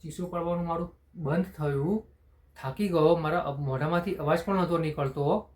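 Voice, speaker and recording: A man narrating a spoken short story in the first person, in an unhurried, unpolished way with restarts and searching for words. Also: fairly high pitch.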